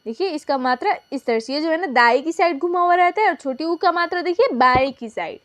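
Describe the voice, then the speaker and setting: A young woman with a high voice teaches a lesson to her viewers. She poses questions and answers them herself, repeating each point so it sticks. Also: animated, fairly quick, a bit bright. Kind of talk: classroom lesson.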